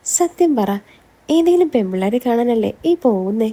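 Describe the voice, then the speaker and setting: A woman's voice: on the high side, animated, normal speed, mellow. Woman reading as a coy teasing young woman. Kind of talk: scripted story reading.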